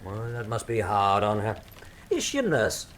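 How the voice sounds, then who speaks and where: Doctor Watson, earnest, highly animated. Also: male voice, normal speed, slight background noise. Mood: curious, earnest. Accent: British. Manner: polite, earnest, somewhat stuffy. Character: earnest, proper, easily shocked gentleman doctor. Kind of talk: radio drama acting.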